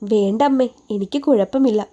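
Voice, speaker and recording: A woman voicing a tired, proud young working woman who speaks quietly and holds back. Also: fairly high pitch, moderate pace, muffled recording, close to an everyday voice. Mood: tired, reluctant.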